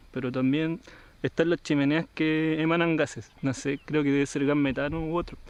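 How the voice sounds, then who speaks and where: A man's voice: a little high, clear, resonant tone. A man from southern Chile, a local resident explaining plainly in a documentary interview.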